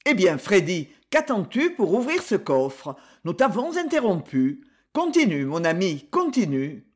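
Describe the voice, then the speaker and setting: Reader voicing a ironic, authoritative gentleman, crisp, audiobook, mid-pitched, lively intonation. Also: a little slow. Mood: commanding. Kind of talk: audiobook character voice.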